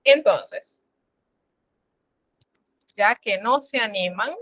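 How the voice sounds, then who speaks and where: A woman's voice: on the high side, lively intonation, a bit bright, dry recording, highs cut off. A woman teaching a French class online, explaining step by step in a patient, instructive way. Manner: slow, patient, instructive, addresses students formally.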